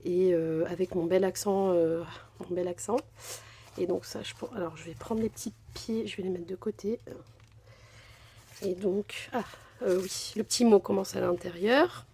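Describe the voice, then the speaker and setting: A woman chatting casually as she unboxes craft supplies, gushing over each item and filling pauses often. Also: fairly low pitch, steady tone, mellow, husky. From France. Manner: chatty, gushing, many fillers. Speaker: crafting vlogger.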